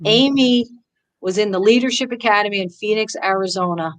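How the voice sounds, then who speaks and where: A woman's voice: mid-range voice, brisk, rough recording. A woman golf teacher, a guest in an interview, telling stories with enthusiasm and acting out what people said. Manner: enthusiastic, acts out quotes with lively voices; frequent restarts, "you know". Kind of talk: conversational interview storytelling.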